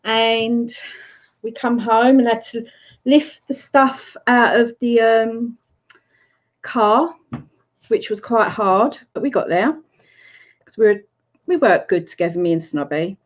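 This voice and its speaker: A woman's voice: a little high, slow pace, long pauses. A middle-aged woman with an Essex accent hosting a casual livestream chat, greeting viewers by name and laughing often. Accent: Essex English. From Essex, England. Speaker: livestream host. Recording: slightly muffled lo-fi stream audio.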